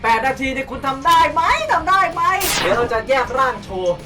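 Animated host with music behind. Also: high-pitched, quick pace, recorded from a distance. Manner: theatrical, exclamatory. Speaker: host of a food challenge video. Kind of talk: playful food challenge commentary.

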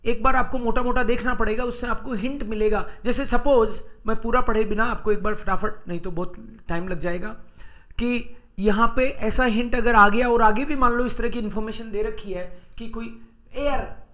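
A man teaching German exam strategy, reading German aloud slowly and explaining it in Hindi while thinking aloud. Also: very high voice, fairly bright tone.

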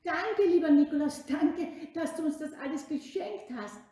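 A woman voicing a group of excited, grateful villagers in a children's story, exclaiming loudly. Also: extremely high pitch, moderate pace, voice pushed up. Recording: echoey room.

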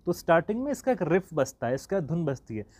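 A man's voice: fairly high pitch, sing-song, fast, darkish tone, slight background noise. A man teaching a flute lesson in a casual, chatty way, singing the note names aloud as he goes. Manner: chatty and encouraging, sings the notes aloud. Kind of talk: casual online music lesson.

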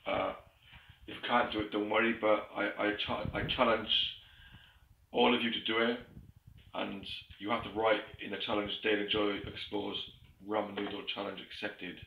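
A man's voice: on the low side, flat delivery, normal speed, creaky, narrow, tinny audio. A young man vlogging a food challenge in a kitchen, chatting casually to his viewers. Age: young adult. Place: small home kitchen. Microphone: handheld camera. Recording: noisy handheld camera recording.

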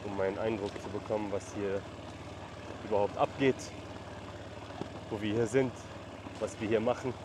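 Out on a rural mountain farm, a Lebanese shepherd and vlogger narrates casually while herding, his low voice steady in tone. He speaks at a moderate pace, pausing often and calling out to his animals between explanations. Faint outdoor noise can be heard.

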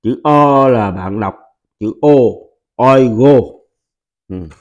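A man whose first language is Vietnamese, patiently teaching a pronunciation lesson and repeating example words loudly. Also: fairly low pitch, measured pace, muffled recording. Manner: patient, instructive.

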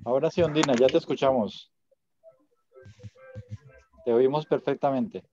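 A man's voice: mid-range voice, a little slow, dark tone, highs cut off, soft background music. A man teaching an online Spanish class, patient and encouraging, repeating words so students can drill them.

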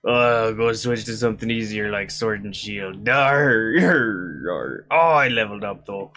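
A man's voice: on the low side, fairly even intonation, moderate pace, fairly bright tone. A man streaming a video game, dropping pirate-style yar and arr growls and swearing as he plays. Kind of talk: let's play commentary.

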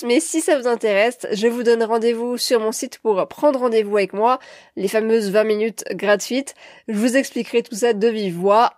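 A woman's voice: fairly high pitch, darkish tone, dry recording. A woman hosting her solo podcast, talking to her listeners in a friendly, direct way. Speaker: podcast host. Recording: dry close recording.

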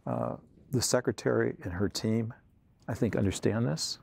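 A man's voice: on the low side, moderate pace, gravelly, a little mellow, husky. A man in his sixties in a studio interview, earnest and rambling, with lots of "you know", on a lapel mic. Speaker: tech executive interviewer. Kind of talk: conversational interview. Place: studio set with armchairs.

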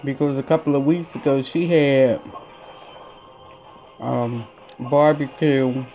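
An older woman hosting an eating vlog, chatting casually in a rambling, halting way with many pauses. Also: rumbling low, steady tone, dark tone, highs cut off, soft background music. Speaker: mukbang host.

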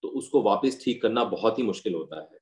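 A man's voice: fairly low pitch, expressive, fairly quick, a little mellow. Ent doctor guy, explains things step by step, echoey room sound. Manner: explanatory, patient advice with medical terms. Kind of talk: medical interview answers. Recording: roomy echo.

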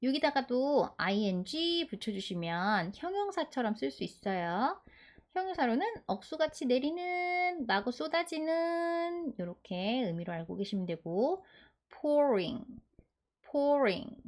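A woman teaching English words in an online lesson, her pitch rising and falling a great deal as she explains. She is a native Korean speaker who drills each sound patiently and asks listeners to repeat after her. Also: very animated, a little slow.

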